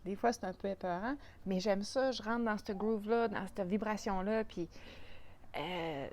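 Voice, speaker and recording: A woman's voice: medium pitch, normal speed, a little mellow, a little hiss or hum. Chatty Quebec French woman vlogger. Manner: chatty, with many restarts and fillers. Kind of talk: casual talk to camera.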